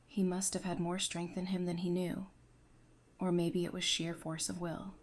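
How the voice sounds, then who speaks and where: Grieving yet resolute and composed, a widowed survivor of the apocalypse is played by an actress in an audio drama, speaking earnestly and with measure. Her fairly low voice keeps a level tone and sounds close to how she would speak every day.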